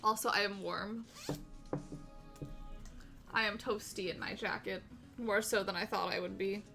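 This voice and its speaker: A woman's voice: medium pitch, steady tone, a little slow, gravelly, pushed and bright, soft background music. A woman streaming a game and chatting casually with viewers in a playful, giggly way.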